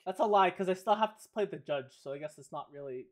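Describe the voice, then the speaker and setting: A woman's voice: lowish voice, lively intonation, fast talker, darkish tone. A woman streamer chatting casually and ramblingly over a game, often correcting herself. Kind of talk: casual let's-play chat.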